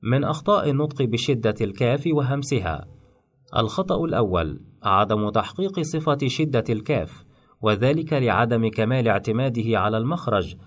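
Male teacher, scripted lesson narration, measured and explanatory, mid-pitched. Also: lively intonation. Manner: measured, explanatory, demonstrates sounds. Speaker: phonetics teacher.

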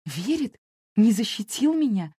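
A woman's voice: fairly high pitch, very animated, unhurried, mellow, husky, no echo, clean studio sound, voice pushed up, full character voice. A woman voicing a desperate teenage girl who pleads in a raised, tearful voice. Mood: desperate pleading.

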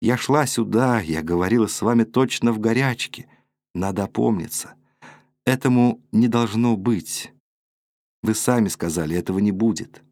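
A man's voice: lowish voice, moderate pace, darkish tone, no room sound. A man voicing a passionate, proud eighteen-year-old woman who speaks with emotional reproach. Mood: heartbroken.

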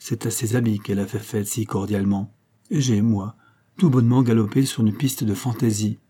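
A man's voice: on the low side, fairly even intonation, moderate pace, mellow, slightly rough. A man playing a shrewd, composed detective. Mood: decisive. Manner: composed, probing, decisive. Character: shrewd, calm male police detective.

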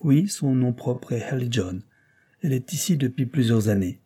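A man reading the part of a calm, authoritative gentleman lawyer and father in a storybook reading, in a measured, firm manner. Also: mid-range voice, breathy edge, voice pushed up.

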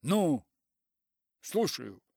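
A man's voice: fairly high pitch, big pitch swings, slow, a bit bright, no room sound, studio quality, voice pushed up, heavily acted. A man voicing an irritable older professor who snaps scornfully. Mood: irritated. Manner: snappish and scornful.

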